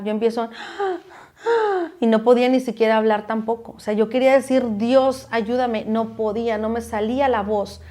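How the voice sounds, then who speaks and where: Woman vlogger, slightly high voice, emotional first-person testimony. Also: a little mellow. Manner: emotional, vivid storytelling.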